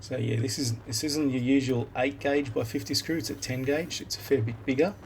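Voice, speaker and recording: A man's voice: medium pitch, fairly quick. A man with an Australian accent casually explaining a workshop build in a voice-over recorded on a phone voice recorder app. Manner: relaxed, plain-spoken, explains step by step. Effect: recorded on a phone voice recorder app instead of a microphone. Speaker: woodworking video maker. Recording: noisy phone voice-memo recording.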